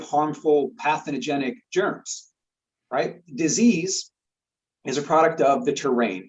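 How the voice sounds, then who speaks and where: A man explaining a topic earnestly in casual conversation. He often repeats words and checks in with "right?". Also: on the high side. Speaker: guest expert. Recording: slightly dull lo-fi sound.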